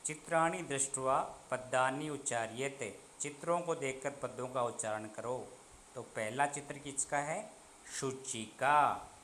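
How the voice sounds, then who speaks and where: Man, teacher, slow deliberate lesson, bright voice, asks and answers himself. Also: medium pitch, slight background noise. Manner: slow, deliberate drilling of words, questions then answers. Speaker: Sanskrit teacher. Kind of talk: online class lesson.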